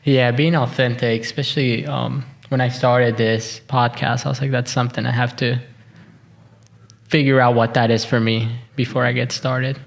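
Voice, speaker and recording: A young man hosting a podcast, asking his guest questions in a halting way and repeating words as he thinks aloud. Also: medium pitch, flat delivery, vocal fry. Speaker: podcast host. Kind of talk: casual interview chat.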